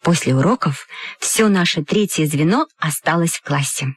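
Expressive woman reading a children's story. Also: low voice, moderate pace, breathy edge, no room sound. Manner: expressive, voicing many characters. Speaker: narrator.

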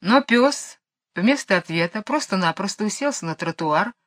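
A woman's voice: medium pitch, moderate pace. Woman reading a children's story aloud. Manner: expressive, lively reading. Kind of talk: storybook narration.

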